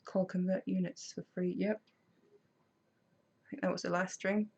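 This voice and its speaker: A woman's voice: fairly low pitch, flat delivery, moderate pace, gravelly, darkish tone, breathy edge. A woman, chatting casually on a craft live stream and answering viewer comments. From Denmark. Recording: slightly dull lo-fi sound.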